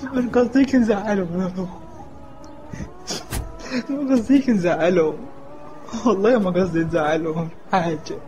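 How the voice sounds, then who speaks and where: A man's voice: sits high, normal speed, long pauses, background noise, close to an everyday voice. A man playing a grown son who has been thrown out by his family, speaking in a hurt, pleading way.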